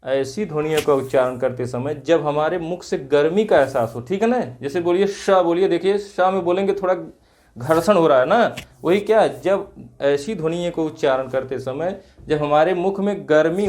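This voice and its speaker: A man leads an exam-prep grammar lesson in a call-and-response way. He keeps asking a question and then answering it himself, stretching key terms out slowly. His voice sits a little high for a man. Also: darkish tone. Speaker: Hindi grammar teacher.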